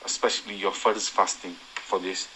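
Flat, low-pitched Yorkshire man reading. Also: moderate pace, a little hiss or hum, low-quality recording. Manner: earnest, with frequent ums and self-corrections. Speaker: guest cyclist giving advice. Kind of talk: reading prepared tips aloud.

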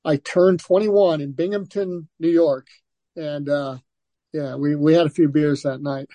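Older guy telling old racing stories, kinda rambly, dark mellow voice, dry sound. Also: fairly high pitch, unhurried, no room sound. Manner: relaxed storytelling, frequent restarts and "you know". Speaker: guest, former motocross racer. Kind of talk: casual interview.

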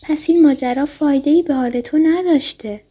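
A woman's voice: sits high, mellow, voice pushed up, close to an everyday voice. A woman voicing an earnest young boy prince in a storybook reading, speaking in a proud and insistent way. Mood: puzzled.

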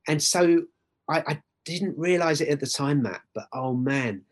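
A church worker from Essex, England, this middle-aged man is a podcast guest telling personal stories conversationally. His voice is on the high side and animated, delivered at a measured pace. He comes across as earnest and emphatic, often adding "right?" to check in.

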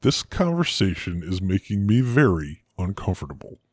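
A man's voice: deep voice, sing-song, normal speed, slightly rough, no echo, studio quality, full character voice. A man playing a stuffy, pompous interviewer with a formal, exasperated manner in a comedy sketch.

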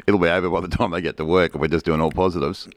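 A man's voice: deep voice, steady tone, fast, no echo. A middle-aged Australian man co-hosting a podcast outdoors, trading dry, grumbling banter in casual chat. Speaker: podcast co-host. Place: outdoors at a breakfast area by a pool.

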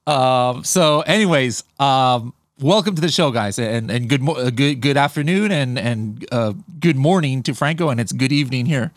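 A man's voice: medium pitch, moderate pace, hardly any pauses, dry recording. Rambling podcast host man, dry close mic. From United States. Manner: rambling, with many fillers and restarts. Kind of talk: unscripted podcast interview.

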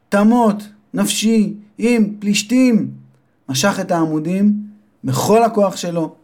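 A man telling a Bible story to children, expressive and slowing down for dramatic moments. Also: a little high. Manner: warm, expressive, slows for drama.

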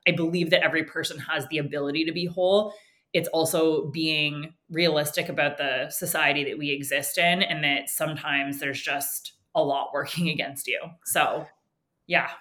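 A Canadian woman who works as a nervous system coach answers interview questions candidly and reflectively, thinking aloud and often restarting. Her deep, slightly bright voice moves at a moderate pace with fairly even intonation.

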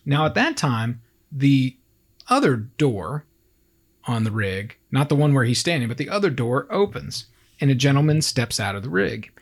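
Animated man telling a true-crime story. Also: mid-range voice, normal speed, breathy edge. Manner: acts out quoted people with raised voices, laughs often. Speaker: podcast co-host.

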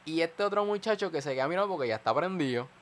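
A man's voice: a little high, expressive, racing. A man in a casual chat, telling a story animatedly and acting out the people in it.

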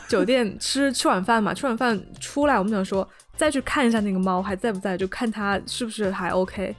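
A woman's voice: mid-range voice, a little fast, faint music behind. A woman co-hosting a podcast, telling a story in casual chat and often checking in with her listeners. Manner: chatty, keeps asking "you know?". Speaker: podcast co-host.

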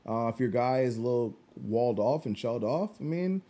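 A man's voice: medium pitch, animated, brisk, dark tone. A young man co-hosting a casual chat in a laid-back, slangy way with plenty of swearing. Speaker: podcast co-host.

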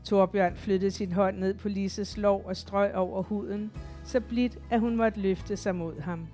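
A woman narrating a literary audiobook in an even, measured storytelling voice. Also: mid-range voice, soft background music.

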